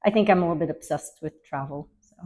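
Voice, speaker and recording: A woman's voice: low-pitched, fast, a crowd in the background, low-quality recording. A middle-aged woman from Belgium with a slight Belgian accent, chatting casually as an interview guest with many fillers. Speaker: guest, luxury travel advisor.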